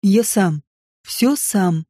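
A woman voicing a commanding, domineering male king in an audiobook, speaking low and curt. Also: drawn-out words, warm tone, husky, no echo, clean studio sound.

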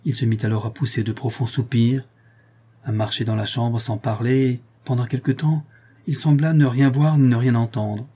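A man narrating an audiobook in a measured, dramatic storytelling manner. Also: mid-range voice, fairly even intonation, dark tone, breathy edge. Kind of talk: scripted narration of a gothic novel.

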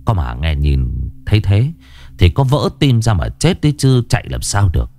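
A man narrating a ghost story in an expressive, dramatic way. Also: normal speed. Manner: expressive, swinging pitch. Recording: narration over background music.

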